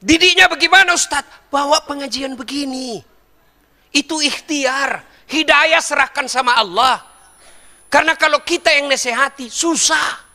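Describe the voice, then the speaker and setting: Man, middle-aged, joking sermon, bright forceful voice. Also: very high-pitched, moderate pace, in a large hall. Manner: lively, joking, addresses the audience directly. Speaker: preacher. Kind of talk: humorous sermon.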